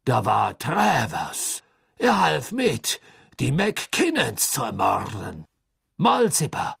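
A man's voice: medium pitch, wildly swooping pitch, slow, vocal fry, husky, dry recording, studio quality, exaggerated voice. A man voicing a panicked middle-aged male prisoner who pleads and cries out in desperation. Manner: desperate, pleading, breaking into shouts.

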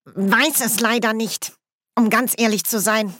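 A woman voicing a bashful, bewildered male dwarf miner, speaking hesitantly and slowly with a raised pitch. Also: fairly even intonation, fairly bright tone, dry recording, clean studio sound. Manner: hesitant, halting, slow.

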